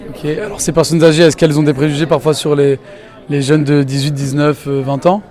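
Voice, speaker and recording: At an outdoor event, a man interviews people casually and conversationally, street-style, in a slightly high, level and fairly quick voice with a darkish tone. Crowd chatter and soft background music can be heard behind him.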